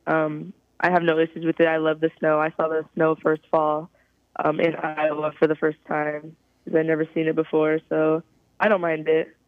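A young woman from California, a college softball player, giving halting, thoughtful interview answers over a phone call. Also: sits low, completely flat delivery, dry recording. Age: young adult. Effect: heard over a phone call. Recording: tinny, dry phone line.

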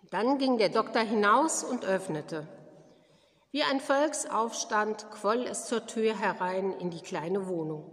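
A woman reading a story aloud at a church service in calm, even storytelling. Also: medium pitch. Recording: long hall reverb.

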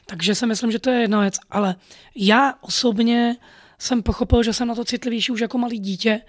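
A man's voice: very high-pitched, steady tone, no room sound, studio quality. A man telling a personal story in an earnest, rambling way, full of fillers. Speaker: podcast storyteller.

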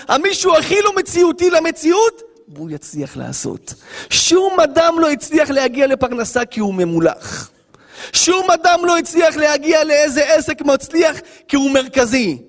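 A man, a rabbi, giving an animated Torah lesson, acting out scenes and firing rhetorical questions at listeners. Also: extremely high pitch, in a large hall.

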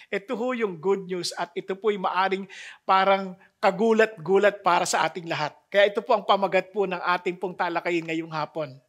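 A preacher giving a conversational sermon that switches between Tagalog and English, laughing between phrases and reading scripture slowly and deliberately. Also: medium pitch, a bit bright.

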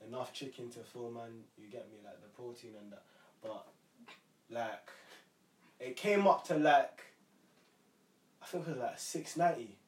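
A man's voice: medium pitch, a little slow, pauses often. A young man with a London roadman accent, telling stories casually in slangy, rambling talk. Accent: London roadman, multicultural urban slang. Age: young adult. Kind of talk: casual banter and storytelling. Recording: roomy, distant mic, faint background noise.

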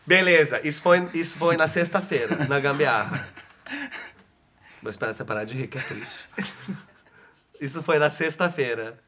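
A man telling a personal story as a guest, animated and dramatic, laughing often. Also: a little high, moderate pace, pauses often, a little hiss or hum. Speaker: guest, actor and author. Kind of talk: casual storytelling.

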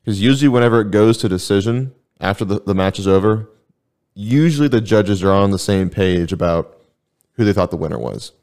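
A man's voice: fairly low pitch, lively intonation, fairly quick, darkish tone. A man hosting a podcast, chatting casually and telling rambling stories in a laid-back way. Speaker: podcast host. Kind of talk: casual chat.

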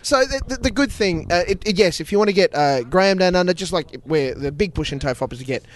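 A man's voice: sits high, expressive, fast. A man from Australia with an Australian accent, hosting a casual podcast chat with a playful, joking manner. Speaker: podcast host.

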